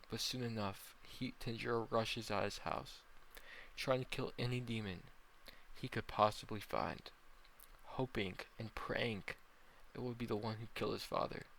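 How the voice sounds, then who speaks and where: A young man reads a fan-fiction story aloud in a plain, slightly halting way. His low voice has a gravelly fry but still sounds bright and forceful, with a faint hiss of noise under it. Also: low-quality recording. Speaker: narrator.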